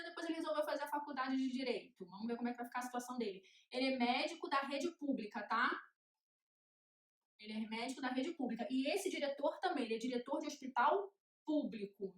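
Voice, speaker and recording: Woman law teacher, higher register, sing-song list drills, roomy echo. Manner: rhythmic chanting of checklists. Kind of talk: classroom lecture at a whiteboard. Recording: echoey room.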